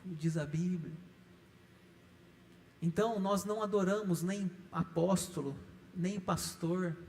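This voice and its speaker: A middle-aged man with a Brazilian Portuguese accent preaches a sermon in a fairly high voice. He stresses his points with rising, repeated lists. His voice carries a long reverb through a church hall. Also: gravelly, a little mellow. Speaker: pastor. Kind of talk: sermon teaching.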